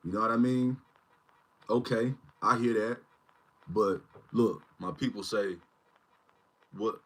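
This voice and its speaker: A man's voice: on the low side, takes it slowly, a bit bright. A man in his forties hosting a casual livestream, rambling and often asking "you know what I mean". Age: 40s. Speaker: channel host.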